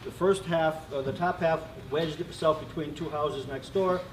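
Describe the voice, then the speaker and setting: A man's voice: fairly high pitch, soft background music. Brief: male author reading his book aloud, slightly raised voice, distant mic in an echoey hall. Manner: reflective, measured storytelling. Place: stage in a hall.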